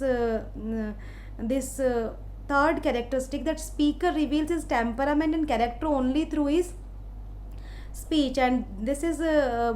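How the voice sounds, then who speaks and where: A woman from India with an Indian English accent, giving a literature lecture in a slow, explaining way with many hesitant fillers. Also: high voice, darkish tone, slight background noise. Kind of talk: recorded lecture.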